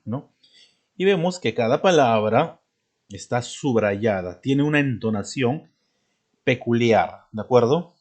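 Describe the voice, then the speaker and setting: A man teaching a spelling lesson, who clears his throat often, drills example words one by one and keeps checking in with the student. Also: medium pitch, darkish tone. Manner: checks in constantly with "¿de acuerdo?" and "¿no?"; stresses and drills each example word slowly.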